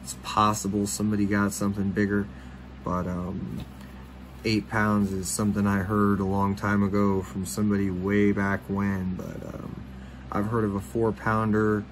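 Rambling man with a low voice. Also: flat delivery, a little slow, noisy background. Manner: rambling, with many fillers and restarts. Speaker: fishing channel host. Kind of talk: casual voice-over talk.

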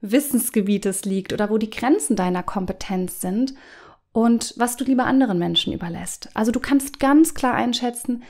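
A woman coach hosting a podcast, speaking to the listener in a gentle, guiding way, sometimes letting phrases sink to a soft whisper. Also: on the high side, normal speed. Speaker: business coach and podcast host.

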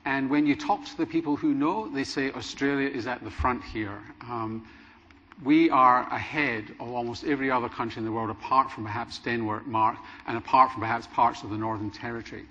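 A man's voice: medium pitch, steady tone, a little fast, a bit bright. A middle-aged man moderating a conference panel, asking probing, leading questions and giving the closing remarks. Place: large conference hall stage. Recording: dull sound with hall reverb.

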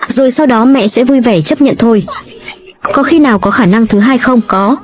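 A woman reading every role of a dubbed drama recap in an even, steady manner. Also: a little high, moderate pace.

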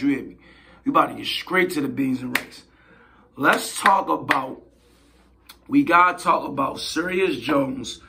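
A hoarse man hosting his own show, giving blunt, slangy casual commentary and often asking "you feel me". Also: a little high, pushed and bright, slight background noise. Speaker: host.

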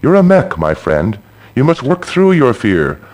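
An actor playing a pompous male robot radio host who fields calls with smooth radio-host patter. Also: mid-range voice, wildly swooping pitch, unhurried, a little mellow. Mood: smooth, superior. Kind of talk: video game radio show acting.

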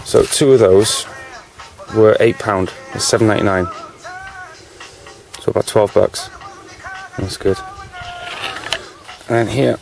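A man's voice: lowish voice, slow, vocal fry, pauses often, darkish tone, soft background music, rough recording. A British man chatting casually on his own channel, rambling and peppering his talk with "you know", at times with a cigarette in his mouth. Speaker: vlogger.

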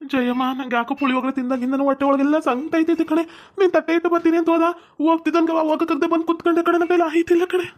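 A woman's voice: very high voice, little pitch movement. Woman playing a moaning sick village husband. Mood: groaning.

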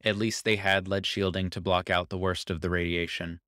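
A man reading a short science fiction story aloud as narrator, calm and even, on a close mic. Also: low voice, normal speed, dry recording. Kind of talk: scripted narration.

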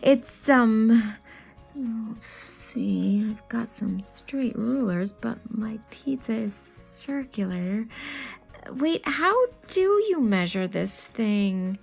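In a picture book read-aloud, a woman plays an exasperated math skeptic who argues with an alien, grumbling dramatically and emphatically. Her heavily acted voice is fairly high and expressive yet very slow, creaky and darkish with a breathy edge, over faint music.

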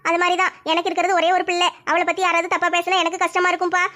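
A woman's voice: very high-pitched, monotone, racing, pushed and bright. A woman voicing a stern, protective middle-aged village mother, lecturing and scolding.

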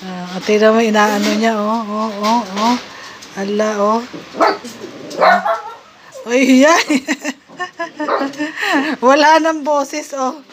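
Woman vlogger, slightly high voice, unhurried, amused, coaxing her pets, noisy home video with a dog barking. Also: steady tone. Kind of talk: casual commentary filming her pets.

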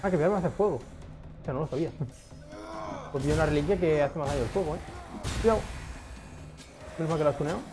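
Over music, a young gaming streamer with a voice on the high side gives fast, excitable, casual commentary on his play, swearing often, talking to himself, and pausing frequently.

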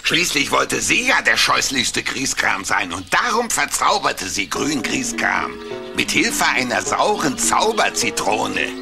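A man voicing a grouchy furry monster who reads a fairy tale aloud theatrically in a gravelly voice. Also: medium pitch, sing-song, measured pace, exaggerated voice. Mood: dramatic storytelling. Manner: theatrical, emphatic. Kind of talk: storybook fairy-tale narration. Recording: music behind the voice.

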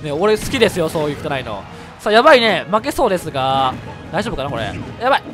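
Excitable Kansai man calling his game. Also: fairly high pitch, fast. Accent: Kansai Japanese. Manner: excitable, shouts and laughs at big plays. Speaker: gameplay commentator. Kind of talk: live game commentary. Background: background music.

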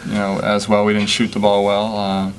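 A young adult college basketball player speaks at a postgame press conference, seated at a table microphone before a sponsor backdrop. His low, flat voice is hesitant and halting, full of fillers and restarts, with a faint hum behind it.

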